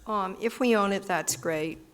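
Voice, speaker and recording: A woman's voice: medium pitch, unhurried, clear, resonant tone. A woman on a town selectboard, insistent and cutting in to be heard during a meeting. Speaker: selectboard member. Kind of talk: town board meeting discussion.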